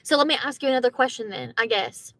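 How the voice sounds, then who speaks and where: A woman's voice: a little high, big pitch swings, quick pace, a bit bright. A young woman with a Southern accent, chatting casually to her livestream from a car and reading viewer comments aloud. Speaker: livestreaming gig driver.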